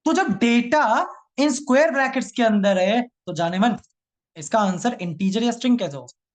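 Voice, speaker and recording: A man's voice: very high voice, animated, moderate pace. A man teaching a live online programming class, teasing his students and repeating each line twice.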